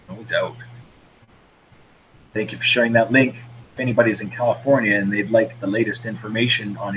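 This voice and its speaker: A man's voice: fairly low pitch, a bit bright, a little hiss or hum, rough recording. A man in his forties hosting a casual live stream, chatting and reading out viewer comments. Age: 40s. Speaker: host.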